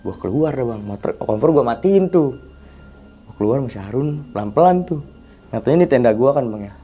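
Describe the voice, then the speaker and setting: A young man, a podcast guest casually telling a story in slangy, animated chat. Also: mid-range voice, fairly quick, husky, faint music behind. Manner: animated, slangy, often addresses the host as 'Bang'.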